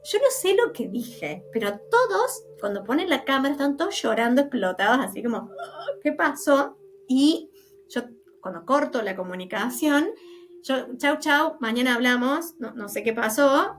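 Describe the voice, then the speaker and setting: A woman with an Argentine accent tells stories in a relaxed interview, with a voice that sits a little high. She talks animatedly, slips into the voices of the people she quotes, and laughs easily along the way. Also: moderate pace, a little hiss or hum. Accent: Argentine Spanish. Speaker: guest medium. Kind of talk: casual interview storytelling.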